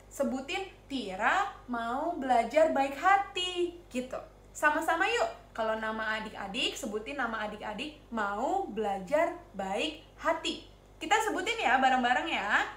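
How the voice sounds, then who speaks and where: In an echoey room, a high-voiced Indonesian-accented woman leads a Sunday school class, spinning a lively, sing-song story for small children and putting questions to them.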